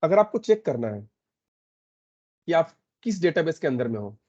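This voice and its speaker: A man teaching a programming lesson, explaining step by step and often checking in with a quick "okay". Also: on the high side, very animated, darkish tone, lo-fi sound. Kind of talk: screen-recorded coding lesson.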